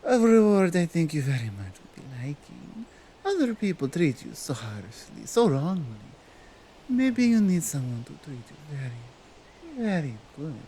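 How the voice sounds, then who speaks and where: Woman doing a bossy female krampus monster for asmr, nordic accent, really slow halting english, pitch swings around, stern but coaxing, bit of background noise. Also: very animated, mellow, poor audio. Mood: coaxing, reassuring. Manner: deliberate, commanding, halting non-native phrasing. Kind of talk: ASMR roleplay, slow dramatic monologue.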